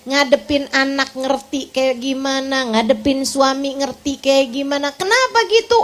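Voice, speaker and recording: Seorang pendakwah perempuan paruh baya yang berceramah kepada ibu-ibu dengan gaya bercerita yang hidup dan sesekali tertawa. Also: female voice, high voice, moderate pace. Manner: lively, animated storytelling with laughs. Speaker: preacher. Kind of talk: religious lecture to women.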